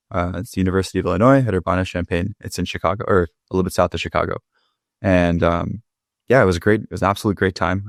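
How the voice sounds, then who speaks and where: Low-voiced young man, relaxed. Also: smooth, no echo, clean studio sound. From California, Bay Area. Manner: relaxed, rambling, many fillers. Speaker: startup founder guest. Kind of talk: casual interview chat. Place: at home. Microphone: remote call.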